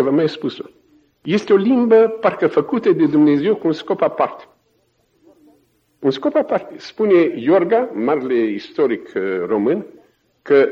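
A man preaching a sermon, telling stories in an animated way and often chuckling. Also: fairly high pitch, dull audio.

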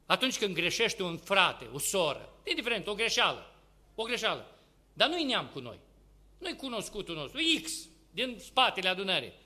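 A male preacher with a high, very bright and piercing voice delivers a sermon. He swings between loud, urgent exhortation and quiet, hushed asides. He keeps putting rhetorical questions to the congregation. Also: very animated.

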